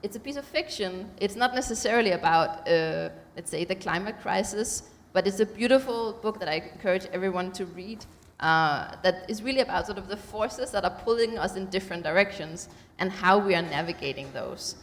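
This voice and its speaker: A woman's voice: mid-range voice, a little fast. A woman curator introducing an art exhibition at a panel, speaking thoughtfully with many ums and uhs. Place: museum auditorium. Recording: long hall reverb in auditorium.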